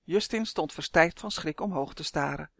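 Storybook narrator, calm and even, middle pitch, dry close sound. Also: moderate pace, gravelly, no room sound. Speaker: audiobook reader.

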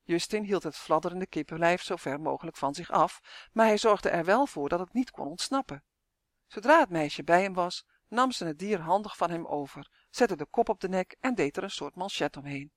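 A lively audiobook narrator reading a children's fantasy tale. The reading is expressive, at a middle pitch. The recording is dry and close, with no room sound. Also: moderate pace, no echo. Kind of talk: scripted storybook narration.

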